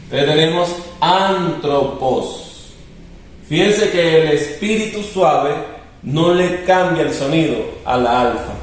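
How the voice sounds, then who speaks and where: A man's voice: fairly high pitch, unhurried, slight background noise. Man teaching in a very echoey room. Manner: patient, explanatory, repeats key rules. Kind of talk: recorded classroom lesson. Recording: very echoey room, distant mic.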